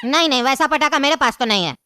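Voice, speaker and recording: A woman voicing a sharp-tongued male firecracker seller in a cartoon, mocking and scolding. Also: high voice, expressive, quick pace, no room sound, clean studio sound. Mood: plain. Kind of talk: cartoon voice acting.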